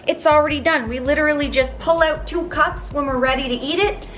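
A woman's voice: sits high, fairly quick, fairly bright tone, a little hiss or hum. A woman in her thirties, from Canada, chatting step by step through a meal prep in her home kitchen. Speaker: vlogger. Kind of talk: casual cooking vlog.

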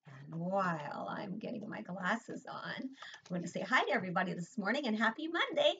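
An older woman who teaches preschool runs a sing-song virtual lesson from a room in her home, asking the children questions in a mid-range voice. It's dull lo-fi webcam audio from a laptop mic, with slight background noise.

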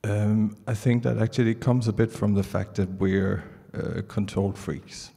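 With a lowish, mellow, gravelly voice and fairly even intonation, a Danish artist in middle age presents a prepared talk at a conference. He speaks haltingly into a handheld mic on a large indoor theatre stage, with reverberant auditorium sound.

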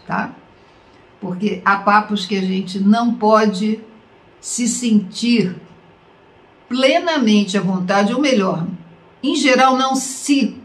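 Brazilian woman teaching in a roomy echo. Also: medium pitch. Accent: Brazilian Portuguese. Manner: conversational, addresses listener directly with rhetorical questions. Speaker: online course teacher. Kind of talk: spoken lecture to camera.

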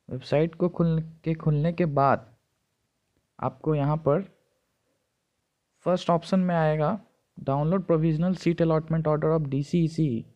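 An Indian man with a slightly high voice narrates an informal step-by-step tutorial, giving instructions and repeating every step. He recorded it on a phone, and the audio sounds dull.

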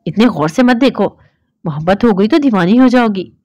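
A woman voicing a confident young man who speaks calmly and teasingly in a storybook reading. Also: mid-range voice, normal speed, dry recording, lightly acted. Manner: calm and teasing.

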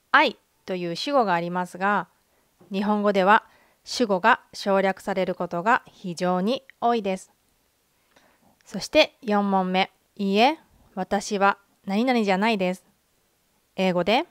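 A woman, a native Japanese speaker, teaching Japanese grammar in a measured online lesson that mixes in English example phrases. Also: medium pitch, clear, resonant tone, no echo, studio quality.

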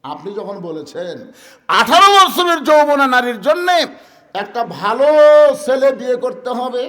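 A man preaching, quoting a bold, quick-witted young woman in his own high voice. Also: very animated, pushed and bright, echoey room, long reverb tail, heavily acted. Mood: earnest.

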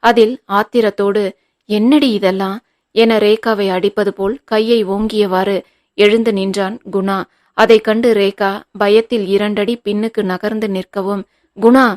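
A woman reading a novel aloud in steady scripted narration as an audiobook narrator. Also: mid-range voice, a little slow.

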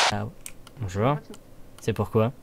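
A man recording a casual let's-play commentary as a gaming YouTuber, joking with other players and breaking into loud shouts. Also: mid-range voice, extremely slow, vocal fry, heavy background noise. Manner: joking banter with bursts of shouting.

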